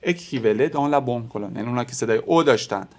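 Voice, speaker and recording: A man whose first language is Persian, teaching a beginners' French lesson, explaining step by step and slowly repeating example words. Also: mid-range voice, lively intonation, darkish tone.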